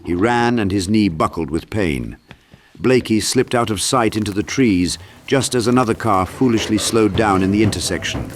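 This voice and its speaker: A man with a very low voice narrates a dark horror audiobook at a moderate pace. His delivery is dramatic and scripted, and clear noise sits behind his voice.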